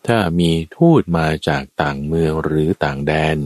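A man preaching a Buddhist sermon as a lively story, addressing his listeners and acting out the characters. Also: normal speed, dry recording. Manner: lively storyteller, acts out quoted characters with sudden high shouts. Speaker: dharma preacher.

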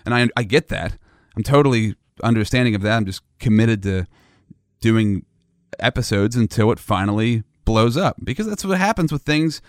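A man's voice: on the low side, animated, normal speed, dry recording. Chatty podcast host man, dry sound. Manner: chatty, self-deprecating, laughs easily. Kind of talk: casual chat.

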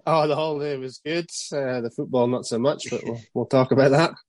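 A man's voice: medium pitch, brisk, a little mellow, no echo. A man chatting casually about fantasy football as a podcast panelist.

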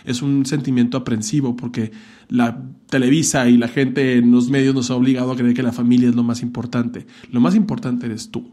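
A man's voice: medium pitch, level tone, a little fast, dark tone. A man with a Mexican accent talking casually and earnestly, giving blunt advice with campy, profane asides. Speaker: podcast guest telling his coming-out story. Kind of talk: casual chat.

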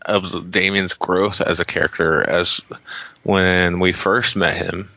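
A man's voice: sits low, steady tone, slow, gravelly, pushed and bright, dry recording, dull audio. A man co-hosting a comic book podcast in a laid-back, casual chat, murmuring agreement often. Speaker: podcast co-host.

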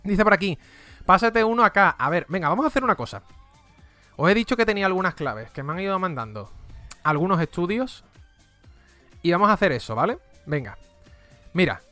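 Streamer, male, Spain Spanish accent, chatty and exclamatory; fairly high pitch, dry close sound. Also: big pitch swings, brisk, pauses often, sharp tone, no echo, faint music behind. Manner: chatty, exclaims and mutters asides. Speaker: streamer running game key giveaways. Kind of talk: casual live-stream chat.

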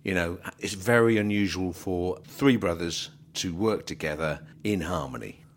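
Low-voiced male podcast interviewer. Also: normal speed, a little hiss or hum. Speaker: podcast host. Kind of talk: casual interview.

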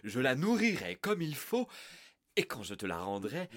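A woman's voice: extremely low pitch, big pitch swings, normal speed, pitched below the performer's own voice. A woman voicing a cunning wolf disguised as a nut seller in a children's storybook, jovial and sing-song.

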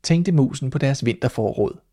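A man reading a fairy tale aloud in a calm, measured storytelling voice as host of his podcast. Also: medium pitch, no echo, clean studio sound.

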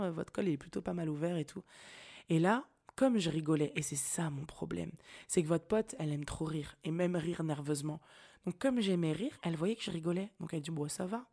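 A young woman hosts a podcast and tells her own story as a casual monologue. Her delivery is slangy and animated, with frequent laughter and vivid asides to the listener. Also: low-pitched. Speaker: podcast host.

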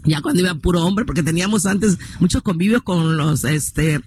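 A woman in her fifties with a Mexican coastal accent, telling her life story in a lively, earthy way, swearing freely and acting out other people's voices. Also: on the low side, moderate pace, a little hiss or hum. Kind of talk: casual storytelling interview.

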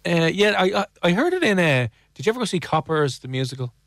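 A man's voice: a little high, very animated, quick pace, a bit bright, dry recording, clean studio sound. An Irish man hosting a radio show, chatting casually and playfully teasing his co-host while reading listener texts. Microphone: studio microphone.

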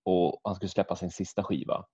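A man, chatting casually in a gentle, reflective way. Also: low voice, flat delivery, slightly rough, no room sound. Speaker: podcast co-host. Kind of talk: casual chat. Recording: dull lo-fi sound.

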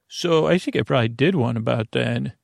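A man hosts a bedtime sleep podcast, his creaky, lulling voice meandering through a rambling monologue as he hesitates, digresses and trails off into tangents. The mid-range voice is soothing yet brisk, captured in echo-free studio quality.

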